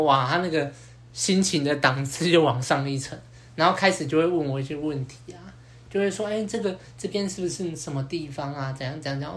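With a slightly high voice, a man hosting a podcast tells a story in a loose, animated style, acting out both sides of the exchange and using many fillers.

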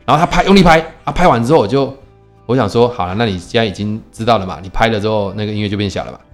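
A man telling a story in casual podcast chat, animated, quoting people and asking rhetorical questions. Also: lowish voice, rapid-fire, soft background music. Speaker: podcast co-host; teacher.

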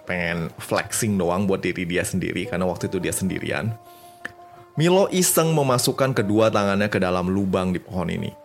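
A man tells old history like a chat with friends, slangy and loose, slipping in English phrases. His voice sits a little low. Soft music plays faintly behind him. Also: creaky. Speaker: history channel narrator. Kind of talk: casual storytelling narration.

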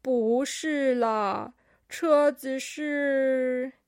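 A woman's voice: high voice, extremely slow, darkish tone, smooth, no room sound, studio quality, full character voice. A woman doing a shy little alpaca boy. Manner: hesitant, stammering. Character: shy five-year-old alpaca boy.

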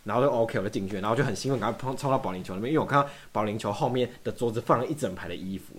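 A man's voice: medium pitch, rapid-fire. A young man from Taiwan telling a long story in casual chat, acting out both sides of every exchange. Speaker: podcast guest.

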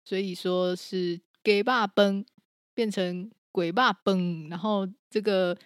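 A woman's voice: medium pitch, fairly even intonation, takes it slowly, dry recording, clean studio sound. A woman podcast host explaining things casually to listeners in a chatty, apologetic, hedging way.

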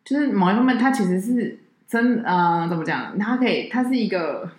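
A woman's voice: medium pitch, animated, normal speed, darkish tone. A woman, co-hosting a casual chat and chiming in to finish her partner's sentences. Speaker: podcast co-host. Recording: echoey room.

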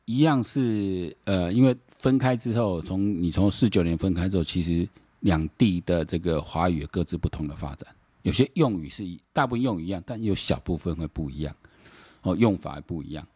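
Low, mellow-voiced Taiwanese man rambling. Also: expressive, brisk, breathy edge, no echo. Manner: rambling, repeats words, switches into Taiwanese Hokkien, mocking rhetorical questions. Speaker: political commentary podcast host. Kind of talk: casual solo political commentary.

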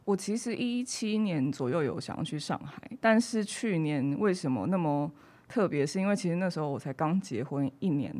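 Her voice sits on the low side for a woman and carries a clear Taiwanese Mandarin accent. She talks in a casual, conversational way, like a podcast guest recounting her own experiences. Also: animated, normal speed, dark tone.

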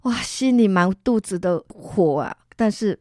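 A woman from Singapore, an interview guest telling her personal faith testimony as an animated storyteller who acts out other people's lines and laughs as she goes. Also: mid-range voice, unhurried, no room sound, studio quality. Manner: expressive, laughs while telling.

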